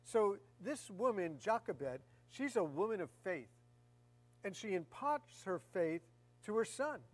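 A woman's voice: medium pitch, sing-song, unhurried. A woman preaching a sermon in a conversational way, often repeating key phrases for emphasis.

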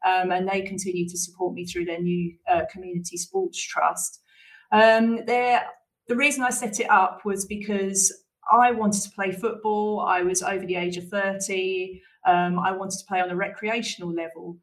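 A woman's voice: medium pitch, fairly even intonation, normal speed. Woman, 30s, grassroots club founder; hesitant, um-heavy, slightly distant mic. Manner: warm, hesitant with many ums. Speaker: women's football club founder. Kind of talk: radio interview answer.

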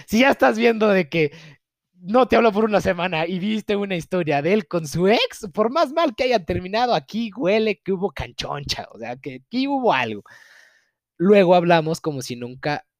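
A man's voice: fairly high pitch, no echo, clean studio sound. A young man with a Mexican accent tells a viewer's story in a casual, profane, mock-outraged way, with frequent laughter.

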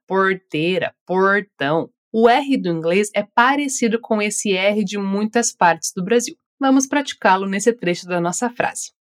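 A woman with a Brazilian accent teaching English, giving slow, carefully articulated model phrases for learners to repeat. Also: medium pitch. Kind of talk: scripted language lesson.

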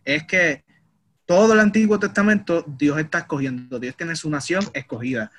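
A man in a casual podcast debate, animated and acting out quoted voices. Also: fairly high pitch, normal speed. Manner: animated, acts out quoted voices, calls others papi. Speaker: podcast co-host.

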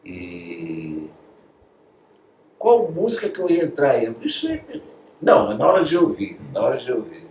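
Animated Brazilian man telling stories. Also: mid-range voice, a little slow. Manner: animated storyteller, acts out quotes, drops to whispers. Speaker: guest. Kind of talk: casual anecdote telling. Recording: echoey room, distant mic, faint noise.

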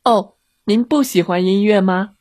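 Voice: medium pitch, sing-song, moderate pace, slightly rough, no room sound, studio quality, pitched above the performer's own voice. A storyteller voicing a clever, cheeky little girl who feigns innocence, in a children's audio story. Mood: sly.

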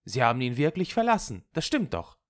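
A woman's voice: low voice, big pitch swings, moderate pace, pitched above the performer's own voice. A reader voicing Rirette, a serious and disapproving young woman who asks insistent questions, in an audiobook. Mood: earnest. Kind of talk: audiobook character voice.

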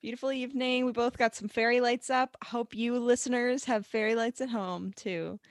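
A woman's voice: a little high, fairly even intonation, moderate pace, dry recording, clean studio sound. A woman co-hosting a casual podcast chat, telling stories with frequent "like" and laughs. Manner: chatty storyteller, frequent "like" and laughs. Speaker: podcast co-host.

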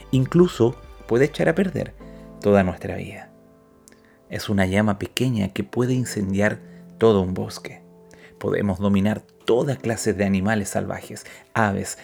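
A man narrating a moral story and reflection in a measured, scripted way, with emphatic swells. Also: fairly low pitch, gravelly, darkish tone.

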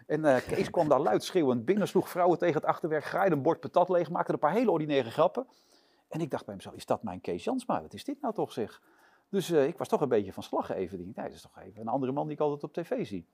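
A man tells a story at a quick clip, his voice jumping up whenever he acts out someone shouting. He sits as the guest in an interview and keeps the tale rolling. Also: fairly high pitch, creaky, husky. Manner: lively storyteller acting out shouted quotes. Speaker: interview guest, sports presenter. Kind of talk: animated anecdote telling.

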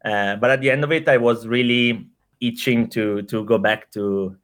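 Speaking at a moderate pace with a steady, slightly bright medium-pitched voice, an Italian-accented man in his thirties from Italy describes his career. He's a startup executive guest in a casual interview, and his delivery is hesitant, marked by fillers, restarts and repeated words.

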